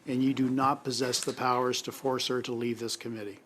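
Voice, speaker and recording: A man's voice: medium pitch, level tone, a bit bright, a little hiss or hum. A man member of parliament addressing the committee chair formally and firmly. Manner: formal, firm, measured. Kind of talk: committee debate.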